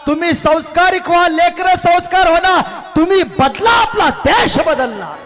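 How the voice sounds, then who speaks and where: A man's voice: very high voice, animated, normal speed, over music, voice pushed up. A man preaching in Marathi voices a grieving but proud mother of a condemned young man, speaking pleadingly and then in fervent declamation, over live instrumental accompaniment.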